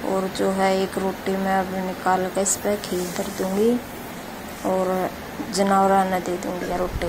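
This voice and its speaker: A woman, calmly narrating her village chores in a homely running commentary for her vlog. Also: medium pitch, background noise. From India. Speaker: village life vlogger. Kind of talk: casual voice-over narration of daily chores.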